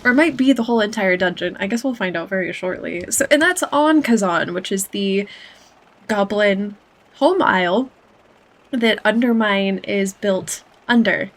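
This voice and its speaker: A woman's voice: mid-range voice, lively intonation, normal speed. A woman chatting about game lore as she plays, in an upbeat, chatty way. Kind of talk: lore playthrough with read-aloud voices.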